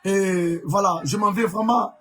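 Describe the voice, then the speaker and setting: A man's voice: high-pitched, fairly even intonation, unhurried, bright, forceful tone. A man from Congo preaching a live-streamed sermon as an evangelist, emphatic, repeating key words, with many fillers.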